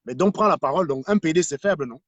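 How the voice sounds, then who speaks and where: Combative man, high husky voice. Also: animated, fast talker, fairly bright tone, no room sound, dull audio. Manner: combative, mocking, repeats points for emphasis. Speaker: online commentator. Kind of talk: live-stream rant to viewers.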